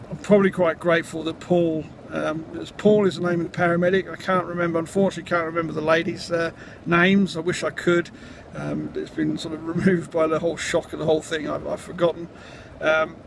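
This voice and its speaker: A man talking casually in a vlog, recounting things in a halting, rambling, matter-of-fact way. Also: a little high, level tone, gravelly. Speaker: vlogger, amateur runner. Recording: outdoor noise, traffic.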